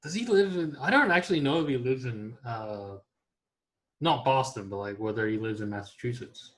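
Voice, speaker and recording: Man, casual chat, sarcastic jokes, frequent restarts, animated pitch. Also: moderate pace. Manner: joking, sarcastic, restarts often. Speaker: scientist discussing movies.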